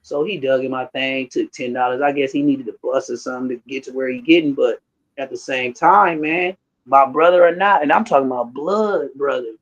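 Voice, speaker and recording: A man's voice: medium pitch, a little fast. A man in his thirties of Haitian background, rambling through a casual, slangy reaction commentary. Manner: rambling, slangy, storytelling with restarts. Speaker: streamer reacting to clips. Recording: dull lo-fi sound.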